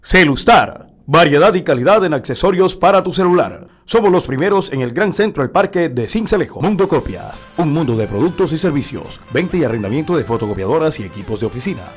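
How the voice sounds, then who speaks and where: Lively Caribbean Colombian radio ad announcer. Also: male voice, fairly high pitch. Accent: Colombian Caribbean coast. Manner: brisk, punchy sales delivery. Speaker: advertising announcer. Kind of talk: radio ad reading. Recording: lo-fi radio recording with music behind.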